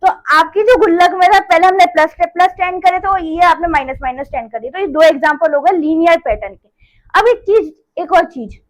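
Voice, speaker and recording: Speaking a little fast in a very high pitch, a woman runs a chatty, easygoing maths lesson. She repeats each step, tagging it with "theek hai", and keeps checking in. The recording sounds rough.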